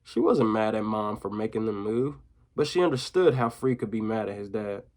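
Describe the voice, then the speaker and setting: A man's voice: lowish voice, moderate pace, a little mellow. A male teacher reading a children's book aloud, dropping into casual, slangy asides to his listeners.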